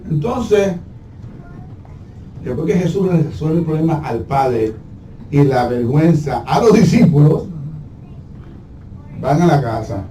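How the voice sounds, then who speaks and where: A man's voice: fairly high pitch, very animated, takes it slowly, long pauses, dark tone, recorded from a distance. A man preaching a sermon as pastor, telling stories with humor and acting out voices. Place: church sanctuary. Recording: echoey hall from afar, faint noise.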